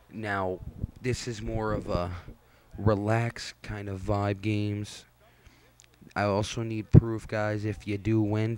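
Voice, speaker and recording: A young man with a lowish voice gives relaxed, rambling commentary over his gameplay. He sounds tired and laid-back, and he pokes fun at himself as he goes. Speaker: gaming channel host.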